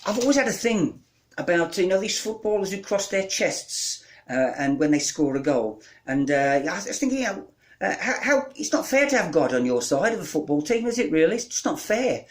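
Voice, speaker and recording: Man reading his own comic pieces, deadpan, slightly high voice. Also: moderate pace. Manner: deadpan comic delivery, rattling off long lists. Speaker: spoken-word performer.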